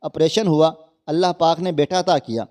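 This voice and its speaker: Brief: male storyteller, slightly high voice, mellow and soft, earnest scripted narration. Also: steady tone.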